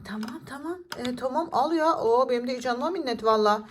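A woman's voice: high-pitched, fairly quick, slight background noise, natural voice. A woman voicing a breezy ice cream seller with drawling sales patter in a children's doll-play story. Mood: pleased.

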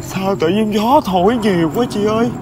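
A man's voice: high voice, normal speed, natural voice. A man playing a timid younger brother, whiny and fearful. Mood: spooked. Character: timid younger brother telling ghost tales. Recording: noisy outdoor recording.

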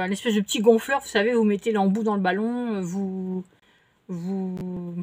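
A middle-aged woman, chatting casually at home as she answers her viewers' comments, rambling with many fillers and restarts. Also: mid-range voice. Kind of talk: casual chat. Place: home, indoors.

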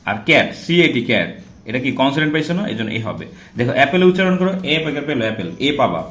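A man's voice: mid-range voice, a bit bright, reverberant. A man teaching an English grammar lesson in a casual classroom style, repeating example words and checking in with rhetorical questions.

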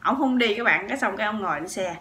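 A vlogger from Sóc Trăng in southern Vietnam, speaking with a Southern Vietnamese accent, tells her channel a long personal story. Her medium-pitched voice is bright and forward, and she talks fast in a chatty, animated way, stacking up fillers and repeatedly turning to her viewers.

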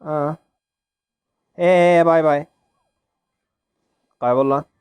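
A young man with a fairly high, smooth voice draws out his words as he plays a mobile game. Hosting a gaming channel, he gives casual, jokey commentary and is excitable, often yelping and laughing.

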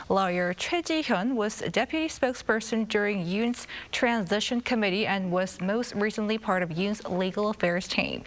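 A woman news anchor reading scripted headlines in a measured, formal delivery. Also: mid-range voice.

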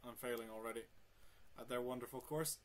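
A man's voice: mid-range voice, fairly even intonation, a little fast, a little hiss or hum. A young man commentating his own gameplay, swearing and talking to himself, with sudden yelps. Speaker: gamer. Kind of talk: let's play commentary.

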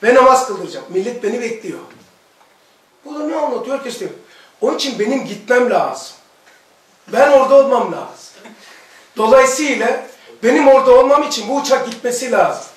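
A man's voice: very high voice, a little fast. A middle-aged man, a religious teacher, giving a sermon and telling stories that he acts out in dialogue. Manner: animated storytelling, acts out dialogue. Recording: echoey room, voice from far off.

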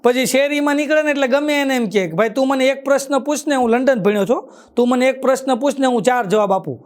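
High-voiced Gujarati stage comedian. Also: male voice, clean tone. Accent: Kathiyawadi Gujarati. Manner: quick punchlines, ends each joke with a catchphrase. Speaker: stand-up comedian. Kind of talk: live stage joke-telling. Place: live stage show with an audience.

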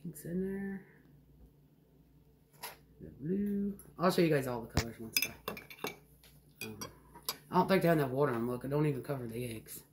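A middle-aged woman vlogs casually while cooking at home in a small indoor kitchen, shooting on a handheld phone. Her low, expressive voice moves at a moderate pace with frequent pauses, over background noise.

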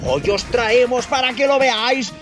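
A man in his forties with an accent from Spain, playfully presenting toys to children outdoors with drawn-out exclamations. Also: very high voice. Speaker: host dad presenting toys with his kids. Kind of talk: playful toy unboxing and demo for children. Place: outdoors in a park. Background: music.

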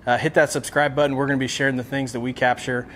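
A man's voice: medium pitch, little pitch movement, quick pace. A man, hosting a casual instructional aviation vlog to camera. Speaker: host of an aviation channel. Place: open metal aircraft hangar.

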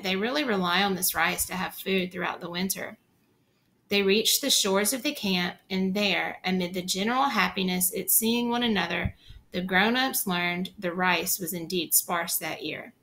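A woman's voice: mid-range voice, sharp tone. A woman reading a book chapter aloud, stopping now and then to explain the story in plain, chatty words. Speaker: reader.

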